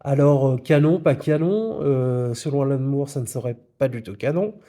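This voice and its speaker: A man's voice: mid-range voice, normal speed, warm tone. A man presenting his comic book purchases in a casual video, with frequent hesitations. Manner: hesitant, many fillers. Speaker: comics vlogger.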